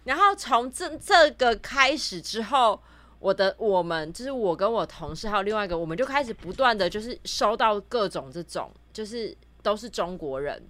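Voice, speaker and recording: Lively Taiwanese-accented woman storyteller. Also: mid-range voice, normal speed. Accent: Taiwanese Mandarin. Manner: animated storytelling, acts out quoted dialogue. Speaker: podcast co-host, real estate agent. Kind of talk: casual chat.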